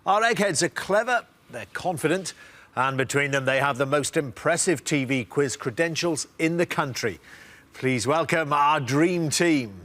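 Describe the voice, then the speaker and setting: A man's voice: a little high, moderate pace, fairly bright tone. A man hosting a television quiz show, announcing in an upbeat, theatrical way. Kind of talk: studio game-show presenting.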